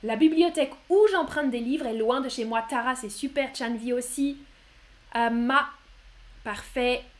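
Slow, patient teacher woman. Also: a little high. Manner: slow, patient, encouraging, reads out viewers' answers. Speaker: French teacher. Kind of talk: live online grammar lesson.

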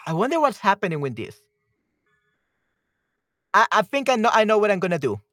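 High-voiced man hosting a casual livestream. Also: very animated, a little fast, a bit bright, dry recording, studio quality. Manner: hesitant, thinking aloud. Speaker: livestream host. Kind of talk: casual livestream chat, troubleshooting audio.

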